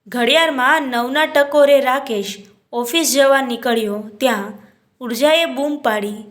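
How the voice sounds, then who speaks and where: A woman's voice: sits high, fairly bright tone. A woman reading a family drama aloud as a storyteller, narrating in her own voice and speaking every character's lines without putting on voices.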